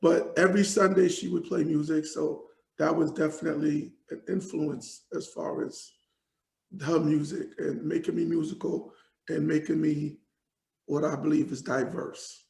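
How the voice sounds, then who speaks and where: Gravelly New man, rambling. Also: on the high side, level tone, moderate pace, a little mellow, echoey room, poor audio. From Jamaica, raised in New York. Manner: rambling, many fillers and restarts. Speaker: hip hop artist, guest. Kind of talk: casual interview talk.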